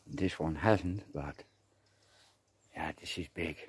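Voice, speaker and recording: A man's voice: extremely low pitch, slow pace, breathy edge, dry recording. A man vlogging outdoors on a forest trail in light rain, chatting to himself and the camera in a rambling way. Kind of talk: casual outdoor vlog narration. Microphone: camera on a tripod.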